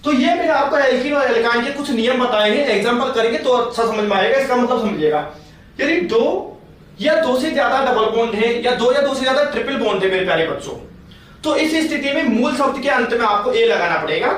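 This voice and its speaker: A man's voice: very high voice, animated, brisk, a bit bright. A man teaching a chemistry class, patient, repeating points and asking his students questions. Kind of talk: classroom lecture. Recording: very echoey room, distant mic, faint noise.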